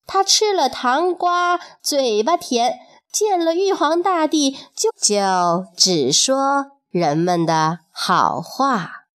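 Woman, children's storyteller, slow-paced, somewhat high voice, gentle sing-song telling. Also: expressive.

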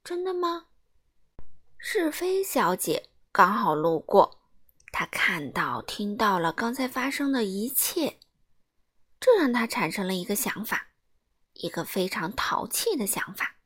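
A woman reading a children's story aloud to kids in an animated, expressive way. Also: mid-range voice, a little slow, slightly rough. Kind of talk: scripted children's story narration.

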